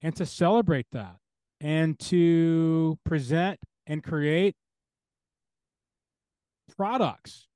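A man's voice: fairly high pitch, drawn-out words, long pauses, a little mellow, clear, resonant tone, no echo. A man speaking as an interview guest and theologian, talking earnestly and building his points through repeated parallel phrases.

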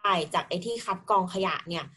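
A woman's voice: fairly low pitch, fast, bright, forceful tone, a little hiss or hum. Chatty woman podcast host. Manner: chatty, thinking aloud with fillers. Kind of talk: casual chat.

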